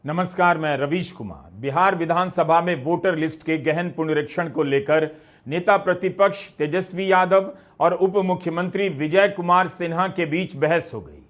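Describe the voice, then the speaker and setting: A man anchoring a news commentary, reading a scripted report in a measured, questioning way. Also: a little high, fairly bright tone.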